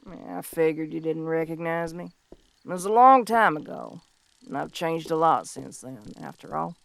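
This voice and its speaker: A woman playing a young, tough but tender tomboy bounty hunter of the Old West in an audio role-play, speaking in a folksy, halting, heartfelt way. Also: low voice, gravelly, no echo. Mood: hesitant, fond. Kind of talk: scripted audio role-play monologue, intimate and slow.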